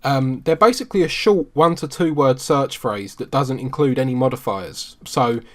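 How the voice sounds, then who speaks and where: A man from the UK, teaching a screen-share marketing tutorial in a relaxed, conversational way with frequent ums. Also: mid-range voice, moderate pace. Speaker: SEO marketing instructor.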